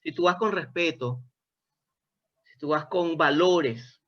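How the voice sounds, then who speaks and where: A Venezuelan man with a slightly high voice takes his time as he interviews a guest, musing expansively and often backing up to rephrase. The conversation is reflective, and the audio is dull and lo-fi.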